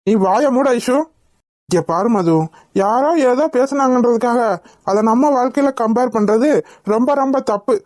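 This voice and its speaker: A woman's voice: a little high, moderate pace, darkish tone, no room sound, clean studio sound, natural voice. A woman voicing a stern young husband in a cartoon, who scolds and lectures his wife. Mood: stern scolding. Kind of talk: cartoon voice acting.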